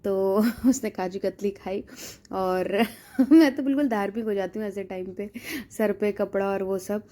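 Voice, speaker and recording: A woman's voice: mid-range voice, steady tone, a little slow, dark tone. Chatty young woman vlogging. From India. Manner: chatty, laughs often, teasing. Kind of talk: casual vlog narration.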